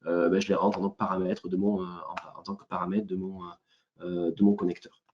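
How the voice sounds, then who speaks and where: A man with a southern French accent presenting a software demo in a webinar, talking hesitantly with many fillers and restarts. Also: sits low, flat delivery, brisk, lo-fi sound, slight background noise.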